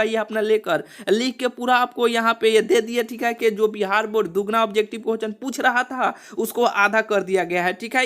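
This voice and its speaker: A young man who runs an exam coaching channel explains exam rules to students in a video. His voice is high, slightly bright, clear, and resonant, and he repeats himself, constantly leaning on "see" and "okay."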